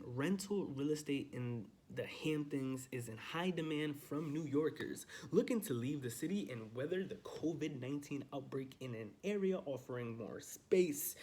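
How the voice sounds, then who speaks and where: In a handheld phone-camera vlog from his home study, a young realtor chats through his morning in an upbeat, loose way, using many fillers. His voice is fairly high and warm.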